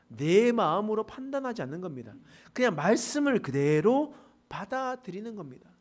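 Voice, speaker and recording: In a church sanctuary, a male pastor with a high-pitched voice preaches a sermon animatedly, throwing rhetorical questions out to the congregation.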